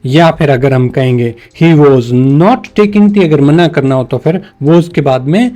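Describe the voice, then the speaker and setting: A man's voice: a little high, animated, slow pace, dark tone. A man teaching a spoken English class, patiently repeating example sentences and switching between two languages. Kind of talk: explanatory online class.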